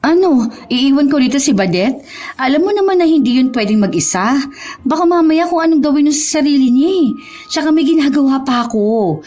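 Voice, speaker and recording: A woman's voice: high-pitched, expressive, brisk, a little mellow, soft background music. A woman voicing a busy young girlfriend who talks in an irritated, dismissive way in a dramatized story. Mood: annoyed.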